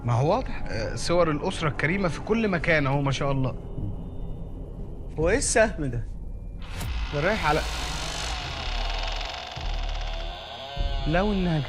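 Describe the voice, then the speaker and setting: A man's voice: fairly high pitch, expressive, fast, long pauses, noisy background, natural voice. An actor playing a mocking, sarcastic male friend who speaks Egyptian Arabic. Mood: wry. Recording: music under the dialogue.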